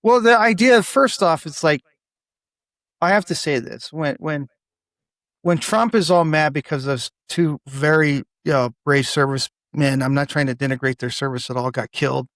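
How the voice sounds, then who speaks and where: A man co-hosting a podcast, arguing in a fairly high voice. He gets heated and excitable, swears and keeps restarting sentences. The sound is close and dry. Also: normal speed, no room sound. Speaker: podcast co-host. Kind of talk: casual political debate.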